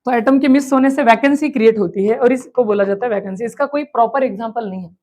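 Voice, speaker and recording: A woman teacher giving an exam revision lecture. She asks questions aloud and answers them herself, and she slowly repeats key terms. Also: fairly high pitch, mellow. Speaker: chemistry teacher.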